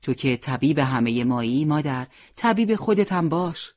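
A reader voicing a troubled, caring young man who gently deflects his mother's questions, in an audiobook character reading. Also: mid-range voice, lively intonation, no echo, studio quality, close to an everyday voice.

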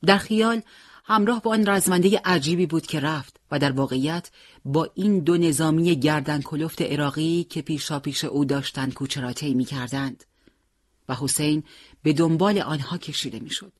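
A narrator reading a war story aloud in a steady, measured way. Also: medium pitch, no echo, studio quality.

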